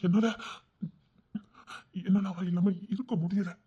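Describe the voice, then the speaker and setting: A man's voice: high-pitched, steady tone, unhurried, breathy edge. A man with a Tirunelveli Tamil accent voicing a tender, pleading gang king who longs for family life in an audio story. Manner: soft, pleading, heartfelt. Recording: dull lo-fi recording.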